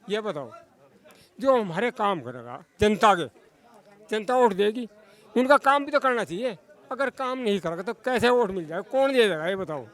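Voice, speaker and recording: A man with a very high voice answering a street interview, indignant and forceful as he complains. He speaks emphatically and often demands answers back. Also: animated, moderate pace, a faint crowd. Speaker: villager interviewed.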